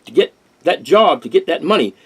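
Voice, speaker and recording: A man's voice: on the high side, very animated, fairly quick, slightly rough. Earnest older New man. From Harlem, New York. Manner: earnest, rambling with restarts and repeated phrases. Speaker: host. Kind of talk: casual discussion.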